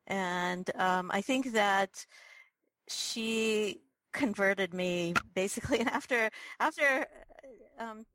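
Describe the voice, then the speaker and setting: A middle-aged woman from Israel, a neurobiology professor, answering interview questions thoughtfully with many pauses and restarts. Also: medium pitch, background noise. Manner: thoughtful, lots of ums and restarts.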